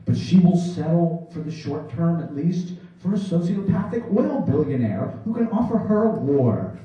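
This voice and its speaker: A man gives a theatrical poetry reading on stage in a small New York theater, with a mock-serious, declamatory delivery that gets laughs from the audience. His voice is a little high and animated with a dark tone, at a moderate pace. The recording is echoey, taken on a distant, dull microphone.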